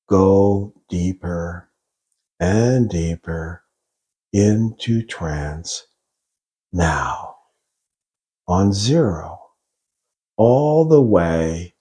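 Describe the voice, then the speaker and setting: A man leading a guided hypnosis session in a slow, soothing, drawn-out way, counting down into trance. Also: sits low, warm tone, husky.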